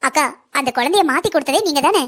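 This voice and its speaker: Voicing a cartoon villainess, a young schemer who swapped a baby, this woman taunts with sly, mocking politeness. Her voice is high and fairly bright, with lively intonation and a quick pace.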